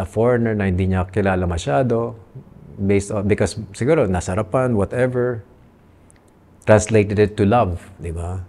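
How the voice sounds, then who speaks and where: A man's voice: on the low side, a little mellow. Aggrieved Filipino man telling his story. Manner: mixes Tagalog and English mid-sentence, earnest and aggrieved. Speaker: father telling his own story in an interview. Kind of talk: candid personal testimony.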